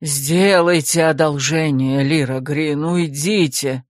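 A woman doing a gruff, exasperated male rector. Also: low voice, a little slow, no echo, clean studio sound, pitched below the performer's own voice. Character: irritable aristocratic male academy rector.

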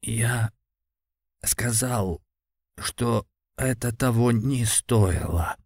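A man voicing an exhausted, defiant old clan patriarch near death in an audiobook, speaking weakly in a slow, solemn mutter. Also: on the low side, darkish tone, no echo, studio quality. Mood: weary. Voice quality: weak, muttering. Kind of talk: audiobook character voice.

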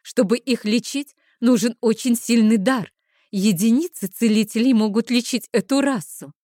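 A shrill, insistent young woman friend, excitable and bossy, as a woman narrator puts her on. Her voice climbs high and loud with every demand. The reading is dry and close. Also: normal speed, dry recording, close to an everyday voice. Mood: sceptical. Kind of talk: audiobook character voice.

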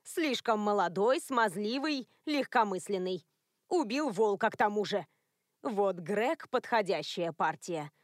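A woman voicing a prim, controlling elderly woman who is a werewolf grandmother, lecturing in a cold, even tone. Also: mid-range voice, unhurried, dry recording, clean studio sound, lightly acted. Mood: stern.

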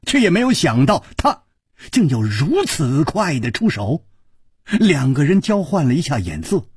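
A man telling a martial-arts tale in a traditional storytelling style, slow and dramatic. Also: on the high side, slightly rough, dry recording, studio quality.

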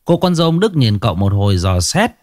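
A man's voice: fairly low pitch, fast, no room sound, clean studio sound. Wry storyteller man. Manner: wry, expressive. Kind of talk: comic ghost-story narration.

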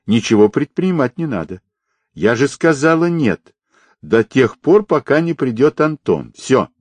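A man's voice: medium pitch, big pitch swings, unhurried, no echo, voice pushed up. A man voicing a tense woman who answers firmly in short, clipped replies.

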